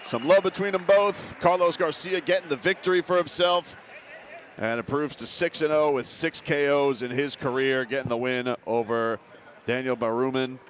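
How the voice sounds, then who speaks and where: A man's voice: mid-range voice, fairly even intonation, moderate pace, a little hiss or hum. A man calling a boxing broadcast as play-by-play commentator, summing up and handing over. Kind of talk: live sports broadcast commentary.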